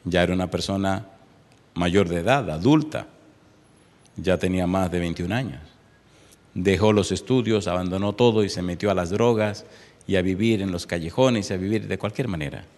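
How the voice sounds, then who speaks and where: A man preaching a sermon, moving from an impassioned appeal into a softly told story with voiced quotes. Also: normal speed. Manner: impassioned, loud and high at the start, then softer storytelling with voiced quotes. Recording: long hall reverb.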